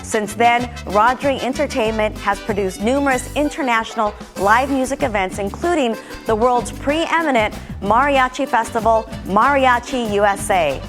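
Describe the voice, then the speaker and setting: A woman narrating a TV news profile in a polished, measured announcer delivery. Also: a little high. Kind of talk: scripted broadcast narration. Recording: TV segment clip with music bed.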